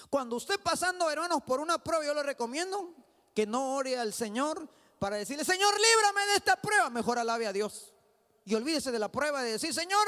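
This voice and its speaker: A man preaching a sermon in a church with a Mexican Spanish accent, dropping low and then shouting his exhortations. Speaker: pastor. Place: church sanctuary. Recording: long hall reverb.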